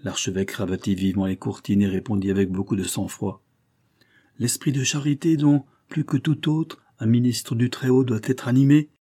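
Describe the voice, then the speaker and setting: A man reading a historical novel aloud as scripted narration, measured, lifting his voice for the characters' lines. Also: dark tone, husky. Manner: measured reading, raising pitch and volume for dialogue. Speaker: audiobook reader.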